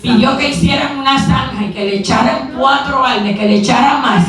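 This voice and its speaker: A woman preacher giving a sermon in a church, retelling a story with rhetorical questions and quick asides. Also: sits high, fairly bright tone, soft background music. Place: church sanctuary. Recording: very echoey hall, mic far off.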